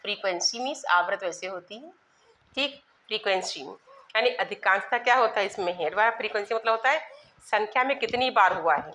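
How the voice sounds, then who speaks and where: A woman's voice: mid-range voice, animated, moderate pace, bright, forceful tone, low-quality recording. A woman teaching a grammar lesson to exam students, spelling out words letter by letter and repeating phrases as she asks and answers her own questions.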